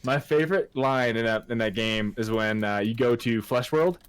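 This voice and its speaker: Loose, profane and quick to laugh, a twenty-something man co-hosts a podcast in casual conversation. His mid-range voice is smooth and moves at a normal speed.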